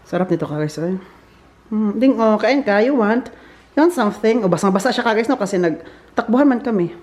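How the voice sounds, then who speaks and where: Chatty Filipino vlogger, English words mixed in. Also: female voice, medium pitch, expressive, a little fast, a little mellow. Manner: chatty, mixes in English words, laughs often. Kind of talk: casual vlog chat to viewers. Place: home in Germany, indoors and outdoors.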